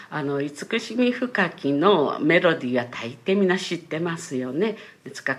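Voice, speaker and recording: Lively middle-aged woman giving a testimony. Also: rumbling low. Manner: animated storyteller who voices quoted family members; gentle, pads phrases with polite sentence tags. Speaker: church testimony speaker.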